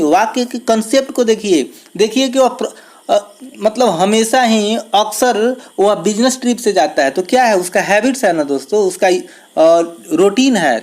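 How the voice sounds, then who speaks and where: A man teaching English grammar for exam preparation, explaining step by step and addressing his viewers as friends, reading English sentences slowly before explaining them. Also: high voice, a little mellow. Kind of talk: exam-prep grammar lesson.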